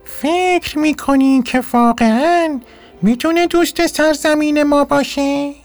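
A man voicing a small, round, pompous doll king with a thin, high voice, speaking in a stern, commanding way. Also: soft background music. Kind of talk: storybook narration.

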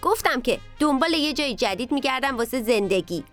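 A woman's voice: sits high, lively intonation, fairly bright tone, soft background music, voice pushed up. A woman voicing a grumpy many-eyed potato. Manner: bossy, exasperated scolding. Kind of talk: children's storybook reading.

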